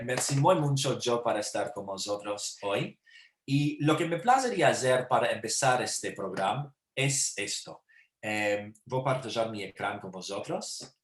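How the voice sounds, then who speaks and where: A man hosting an online talk series over a video call, making friendly, unhurried introductions. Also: medium pitch, a bit bright, a little hiss or hum. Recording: roomy echo.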